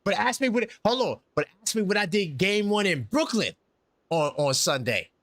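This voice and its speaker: Lively, bright-voiced man in his forties. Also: high voice, normal speed, no room sound, studio quality. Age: 40s. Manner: emphatic, repeats his points. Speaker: host. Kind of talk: sports talk show.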